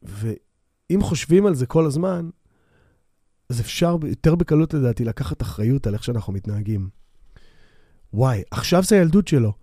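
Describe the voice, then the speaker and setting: Dark-voiced man rambling on his podcast. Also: mid-range voice, animated, no room sound, studio quality. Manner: rambling, with many fillers and restarts; self-deprecating and quick to laugh. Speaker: podcast host; bassist. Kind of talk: casual solo podcast monologue. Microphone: new microphone on a stand.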